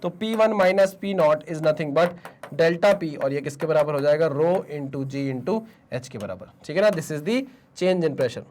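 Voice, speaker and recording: A man's voice: on the high side, expressive, takes it slowly, a little mellow. A man with a sore throat teaching physics in a Hindi-English mix, asking questions and answering them himself, with Indian-accented English. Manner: Hinglish call-and-response teaching, answers his own questions. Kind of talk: online exam-prep lecture.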